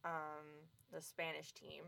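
A woman co-hosting a casual podcast chat, chatty and telling stories that trail off softly. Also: deep voice, monotone, slow pace, gravelly.

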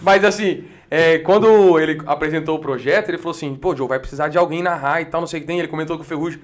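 A man with a São Paulo interior Brazilian accent, a guest chatting casually and laughing often about narrating football. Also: on the high side. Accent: Brazilian Portuguese, São Paulo interior. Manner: fast, animated, laughs often. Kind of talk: casual podcast chat.

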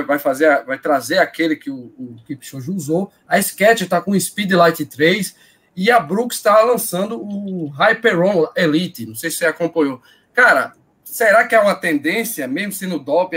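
A man's voice: high-pitched, expressive, normal speed, fairly bright tone, slightly rough. A man with a Brazilian Portuguese accent hosting a casual live show, addressing people in chummy slang. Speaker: host of a running live stream.

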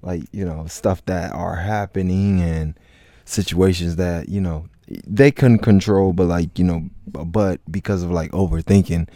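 A man's voice: low-pitched, steady tone, measured pace, dark tone, dry recording. A man from Florida hosting a solo podcast, rambling casually with many filler words and restarts. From Florida, United States. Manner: rambling, heavy on "like, you know" fillers and restarts. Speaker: podcast host.

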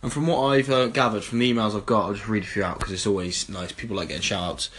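A man's voice: fairly low pitch, quick pace, fairly bright tone, a little hiss or hum. A man, co-hosting a casual podcast chat, rambling and laughing often as he reads out listener emails. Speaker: podcast co-host.

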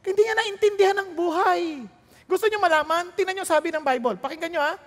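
A woman pastor delivers a sermon in a mix of Tagalog and English, tossing rhetorical questions and jokes at her congregation. Her voice is very high and fairly quick, with a big-room sound.

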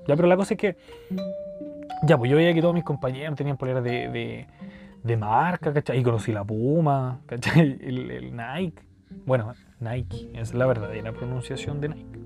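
A young Chilean man in his twenties spins casual, joking stories from his own life, full of slang and side tangents. His voice sits at an ordinary middle pitch, and music plays clearly behind him. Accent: Chilean Spanish. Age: 20s. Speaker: podcast host. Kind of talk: casual storytelling podcast.

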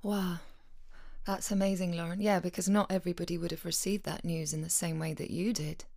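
A woman hosts the conversation, encouraging her guest with expressive reactions. Her voice sits a little low for a woman. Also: fast talker, creaky, a crowd in the background. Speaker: host. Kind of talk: conversational interview.

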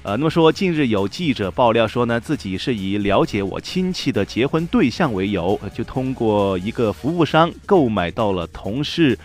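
一位带四川口音的男主持人，用口语化、调侃式的新闻播报腔讲幽默时事评论。. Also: male voice, medium pitch, big pitch swings, moderate pace, hardly any pauses, faint music behind. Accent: Sichuan. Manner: colloquial, joking, mock-newscaster delivery. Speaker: host of a comic news show. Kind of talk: humorous news commentary in Sichuan dialect.

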